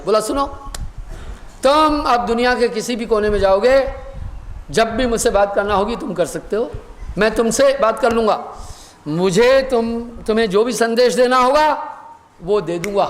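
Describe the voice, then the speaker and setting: A man, a spiritual teacher, giving a sermon and telling a parable, acting out the dialogue and reciting verse slowly. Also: extremely high pitch, in a large hall. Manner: storytelling, acts out dialogue, slow recited verse.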